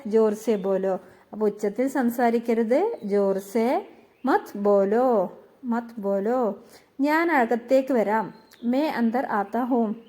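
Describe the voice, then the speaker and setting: A woman gives a patient language lesson, speaking very slowly and repeating each phrase before explaining it. Her voice sits fairly high but has a soft, mellow tone. She sounds calm and unhurried throughout. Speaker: language teacher. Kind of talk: slow spoken-language lesson.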